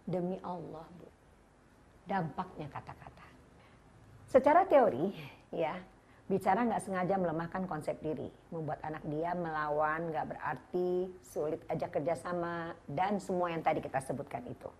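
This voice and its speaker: A woman's voice: fairly low pitch, moderate pace, a little hiss or hum. An older woman, giving a parenting seminar to an audience and acting out how parents scold their children. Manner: lively, acts out parents' scolding voices and addresses the audience directly. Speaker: parenting educator.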